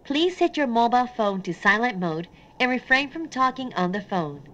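A woman reading recorded train announcements in set phrases, with a formal, measured delivery. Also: fairly high pitch, lively intonation, a bit bright, dull audio. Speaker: automated English-language train announcer.

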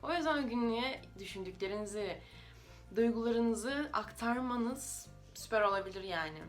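A woman's voice: on the high side, animated, normal speed, soft background music. A native Russian woman with a Russian accent explains things informally to viewers in a foreigner's slightly unidiomatic Turkish. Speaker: language-learning video creator.

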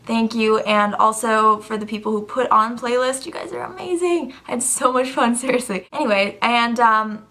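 A young woman with a fairly high voice talks casually to her viewers as a video blogger. She is gushing and giggly, with an informal, bubbly delivery. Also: level tone, moderate pace, hardly any pauses, pushed and bright. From Canada. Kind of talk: casual chat to camera.

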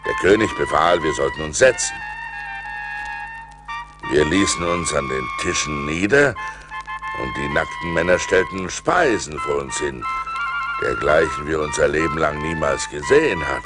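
On a vintage vinyl record, an actor with an extremely low voice plays an adventurous seafarer recounting his voyages, speaking over loud music. The dramatic scripted storytelling follows a theatrical, precise German audio-play style, grave and dramatic in mood, animated and at normal speed.

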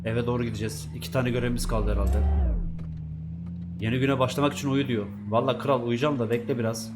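A man's voice: medium pitch, noisy background. A man giving casual let's-play commentary, chatting to himself and swearing at the game's characters. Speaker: gaming YouTuber.

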